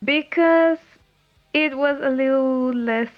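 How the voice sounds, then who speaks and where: A woman's voice: high voice, slow. A woman from Venezuela, a guest on a casual podcast, speaking cheerfully and easily with laughs between sentences. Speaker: podcast guest, video editor. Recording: muffled lo-fi mic with faint music.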